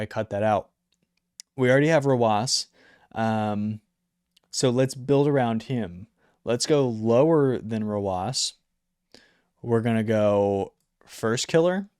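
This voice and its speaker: A young man casually ranking esports players in a relaxed, rambling way, with lots of ums and likes. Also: medium pitch, clear, resonant tone, dry recording, clean studio sound. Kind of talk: casual talking-head video.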